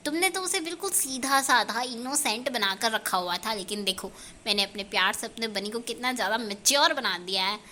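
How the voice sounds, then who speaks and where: A woman's voice: a little high, brisk, hardly any pauses, pushed and bright, slight background noise. A woman voicing a mischievous young man who teases his brother smugly. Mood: teasing. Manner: teasing and smug.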